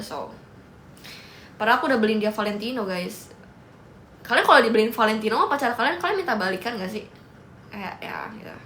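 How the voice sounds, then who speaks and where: A young adult woman hosts a casual livestream, reading and answering comments in a playful, teasing way and mixing in English. Her voice is on the high side and a bit bright, recorded in an echoey room with faint noise.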